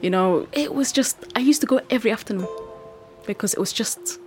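A woman in her thirties from Somalia, telling her own story in an interview, reflective and quick in places. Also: on the high side, expressive, a little mellow, soft background music.

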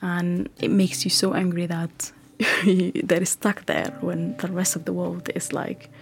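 A reflective woman in her thirties from Somalia tells her life story in an interview. Her voice sits a little low, and she speaks in quick runs with a thoughtful tone. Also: flat delivery, gravelly.

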